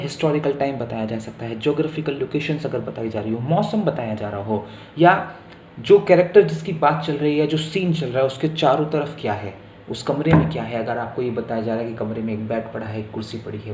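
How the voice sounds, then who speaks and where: A man teaching literature, reading English definitions slowly and then explaining them in casual Hindi. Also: medium pitch, a little mellow, reverberant, slight background noise. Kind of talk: lecture explaining literary terms.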